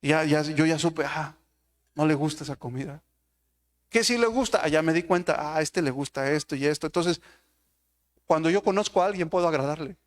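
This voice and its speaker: Male preacher, high voice, sermon delivery built on rhetorical questions to the congregation. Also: a little fast. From Mexico.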